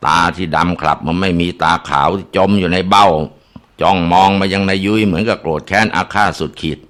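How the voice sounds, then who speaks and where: A man's voice: low-pitched, fairly bright tone. A man narrating a ghost story in a dramatic way, with occasional filler sounds.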